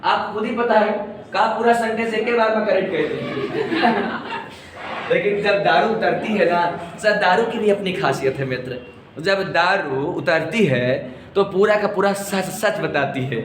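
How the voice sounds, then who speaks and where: A man's voice: sits high, lively intonation, normal speed, fairly bright tone. A man teaching Hindi grammar to a class, joking and teasing his students as he corrects sentences. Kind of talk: classroom lecture. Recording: echoey room from far off with class noise.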